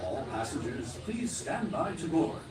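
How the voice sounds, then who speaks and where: A man's voice booms over a PA loudspeaker with a scripted train station announcement. His pitch sits a little high and swoops up and down in a lively way. He has the showy, sing-song delivery of a practiced announcer. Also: a little slow, a crowd in the background.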